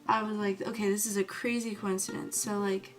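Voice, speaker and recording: A woman vlogging casually about skincare, gushing and excitable, with "like" in almost every phrase. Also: mid-range voice, brisk, soft background music. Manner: gushing, excitable, fills talk with "like". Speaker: beauty vlogger. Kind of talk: casual storytelling to camera.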